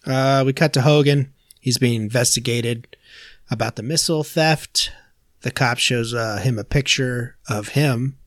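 A man in casual podcast chat, rattling through a plot summary with scattered uhs. His voice sits at an ordinary middle pitch. The sound is dry and close, with no room around it. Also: no echo. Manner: narrates plot quickly with filler uhs. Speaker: podcast host recapping episodes.

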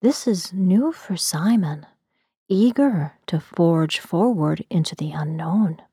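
A woman narrating a story in a soft, hushed ASMR whisper. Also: on the low side, expressive, slow, breathy edge, no echo, studio quality.

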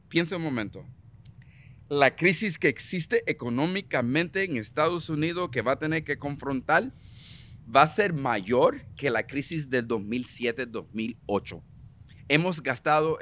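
A slightly high, fairly bright voice belongs to a man from Puerto Rico with a Puerto Rican Spanish accent. Interviewed as a political guest, he speaks emphatically, says things more than once, and switches into English phrases.

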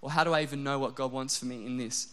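A young adult man preaching a sermon, animated and self-deprecating, dropping to a soft, low voice when he voices prayers. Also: fast. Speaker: pastor.

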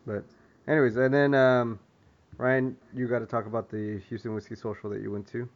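Male co-host, easygoing and cussing, mid-low voice, muffled podcast audio. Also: level tone, fairly quick. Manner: laid-back, laughs easily, swears. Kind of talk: casual chat.

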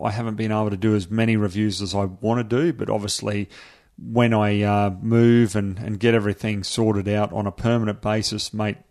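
A man's voice: fairly low pitch, darkish tone. An Australian man being interviewed as a guest, chatting casually in a laid-back, blokey way with hesitant phrasing. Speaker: podcast guest, product reviewer.

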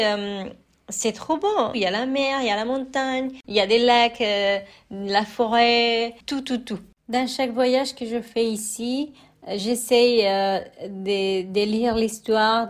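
Mexican woman, young adult, unhurried and halting, Spanish accent, interview guest. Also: on the high side. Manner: hesitant, many fillers and restarts. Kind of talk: interview testimony.

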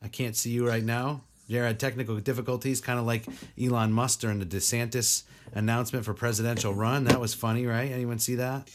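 A man's voice: medium pitch, level tone, a little fast, hardly any pauses, background noise. A man hosting a podcast in casual chat, rambling with lots of "like" and frequent swearing. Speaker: podcast host.

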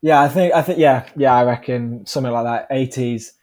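Podcast guest: British man, twenties, average pitch, informal and easygoing conversational delivery. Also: brisk, a little mellow. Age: 20s. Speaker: podcast guest, professional cyclist. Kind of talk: casual chat.

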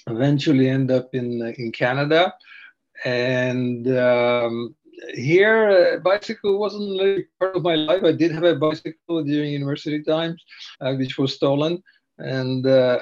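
An older man talks through his story as a podcast guest, wandering and hesitant. His voice sits at a middling pitch, and the recording sounds a little dull and muffled. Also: a little mellow. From Slovakia. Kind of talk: casual interview.

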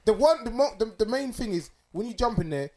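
An animated man with a London accent, talking quickly over group chatter. He is a podcast co-host, slangy and insistent in casual banter. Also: very high voice.

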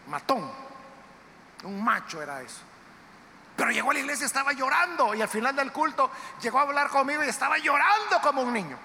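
A man preaching a sermon in a church, emphatic and dramatic, with sudden loud outbursts. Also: very high voice, sing-song, fairly quick, vocal fry. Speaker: pastor. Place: church sanctuary. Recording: reverberant church hall, faint background noise.

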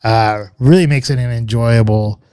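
A man reviewing scotch on the podcast he co-hosts speaks at normal speed in a clear, resonant, mid-range voice. He's relaxed and hesitant, rambling with many fillers and restarts. The sound is dry and clean, studio style.

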